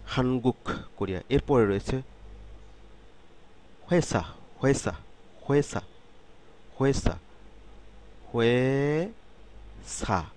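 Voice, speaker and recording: A man teaching a beginner vocabulary lesson, saying each word slowly several times and then explaining its meaning. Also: mid-range voice, darkish tone. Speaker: language teacher. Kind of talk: slow, repetitive vocabulary lesson.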